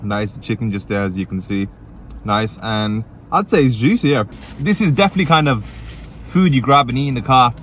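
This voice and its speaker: Upbeat food vlogger in a car. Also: male voice, medium pitch, normal speed, fairly bright tone, a little hiss or hum. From England. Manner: upbeat, chatty, talks while eating. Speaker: food reviewer and channel host. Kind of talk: casual food review vlog. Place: inside a parked car.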